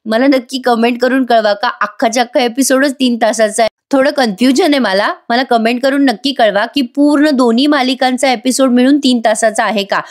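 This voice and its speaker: A woman's voice: a little high, fairly quick, hardly any pauses. A woman with a Marathi accent giving a chatty voice-over recap of a TV serial, talking straight to her viewers and acting out the dialogue. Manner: chatty, addresses viewers directly, acts out dialogue. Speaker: TV serial reviewer.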